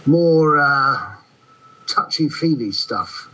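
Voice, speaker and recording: A man playing a pompous, breezy British army general with a husky voice over a radio link in a comedy. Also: medium pitch, expressive, drawn-out words, bright, forceful tone, heavily acted. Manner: pompous, breezy, clipped, condescending. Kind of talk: comedy radio character acting. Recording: dull radio-like line.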